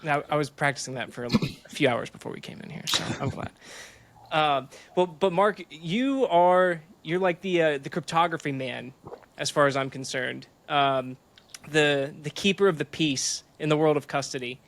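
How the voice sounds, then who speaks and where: A man's voice: a little high, moderate pace, a bit bright. A man hosting a podcast, chatting casually and joking between many fillers and restarts. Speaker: podcast host. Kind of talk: casual chat.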